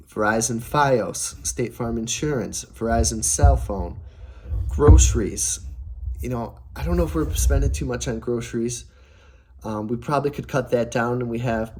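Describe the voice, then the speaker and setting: Lowish and dark, his voice sometimes cracks as the young vlogger riffs on family savings straight to camera. The personal finance talk is upbeat and meandering, peppered with fillers and false starts.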